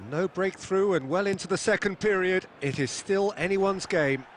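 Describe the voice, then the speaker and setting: An actor playing a football play-by-play commentator in a video game, measured but quick to get excited. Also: male voice, high-pitched, slight background noise, lightly acted. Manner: measured, rising to excited calls.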